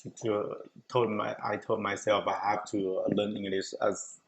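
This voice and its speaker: The audio is poor with a bit of background noise as a middle-aged Chinese man, accent and all, chats about his own story as a show host. His low, creaky voice barely moves in pitch and keeps a normal speed, and he keeps laughing partway through sentences in this casual conversation.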